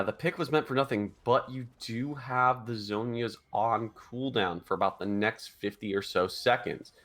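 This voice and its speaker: Excitable male esports play-by-play caster. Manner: excitable, pitch jumps high in big fights. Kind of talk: play-by-play commentary.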